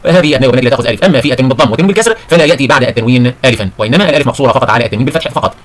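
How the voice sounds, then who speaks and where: Male teacher, rapid delivery, talks pupils through grammar step by step. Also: medium pitch. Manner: addresses pupils as "my sons and daughters", explains step by step. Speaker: Arabic teacher. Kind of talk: recorded grammar lesson for children.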